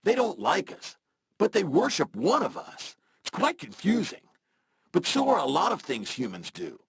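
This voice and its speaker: Robot voice, filtered, laid-back and slangy, lively pitch, highish. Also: male voice, normal speed, gravelly, slightly rough, exaggerated voice. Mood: mellow. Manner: casual slang, easygoing. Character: laid-back friendly male robot, chill and chatty. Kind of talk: video game voice acting.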